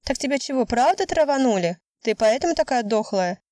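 A woman's voice: fairly high pitch, lively intonation, fairly quick, mellow, no echo, clean studio sound, pitched above the performer's own voice, lightly acted. A woman voicing a brash, pushy young woman athlete of about twenty who talks bluntly and insistently in an audiobook reading. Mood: needling.

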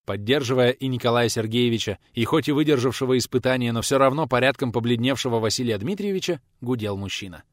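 A man's voice: mid-range voice, fast talker, few pauses, no room sound. A man narrating an adventure novel expressively on a close microphone. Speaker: audiobook narrator. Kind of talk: scripted narration.

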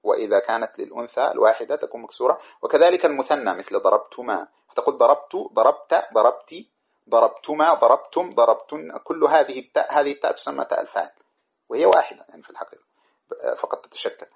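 A man's voice: mid-range voice, quick pace, gravelly. A man teaching a lesson on a grammar poem, reciting verses and then explaining them with many examples. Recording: dull lo-fi recording.

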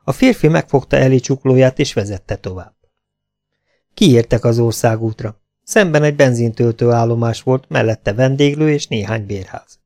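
A man narrating an adventure novel as an audiobook, in steady, plain storytelling. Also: mid-range voice. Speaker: audiobook reader.

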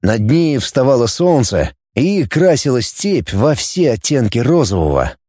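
A male narrator reads an audiobook with lively, expressive delivery. His voice is dark and mellow, a little high for a man. The recording is close and dry. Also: measured pace, no room sound. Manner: animated, expressive reading. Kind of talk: scripted narration.

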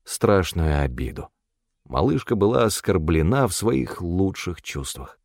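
A man narrating a first-person audiobook in a wry, expressive storytelling manner. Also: deep voice, measured pace, dry recording, studio quality.

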